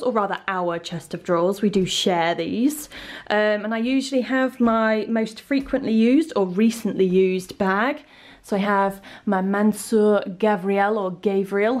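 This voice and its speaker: A young woman chatting her way through a home tour, playful and lively, her voice jumping up in pitch now and then. She holds the camera herself as she walks through small, bright rooms. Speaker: lifestyle vlogger giving a home tour. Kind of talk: casual home tour vlog. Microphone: handheld camera filming herself as she walks.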